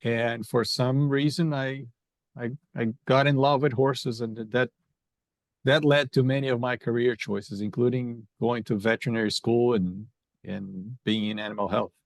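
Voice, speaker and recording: Gravelly Brazilian-born man, halting speech. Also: medium pitch, fairly even intonation, dry recording. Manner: halting, repeats words while thinking. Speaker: podcast guest, veterinarian. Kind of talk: conversational interview.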